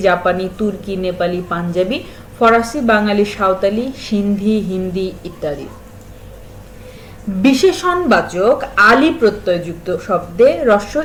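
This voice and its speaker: A woman teaching a spelling lesson to school pupils, slowly listing example words and stressing their sounds. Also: a little high, slight background noise, rough recording. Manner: stresses and repeats sounds to show pronunciation.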